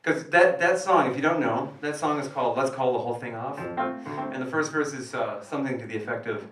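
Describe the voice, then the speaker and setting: A man doing crude, self-mocking stand-up comedy in a small cafe, with a rough, wrecked voice. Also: medium pitch, brisk. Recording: echoey room, distant mic, live music.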